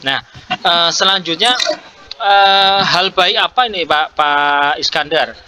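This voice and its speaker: A man's voice: on the high side, slow pace, background noise. A man, coaching a fellow teacher in a hesitant, encouraging way, with many fillers. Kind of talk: coaching conversation practice.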